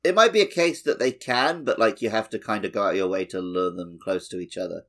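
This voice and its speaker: A man with a lowish, slightly bright voice talks fast as he co-hosts a podcast. He chats casually about his memories of playing a game.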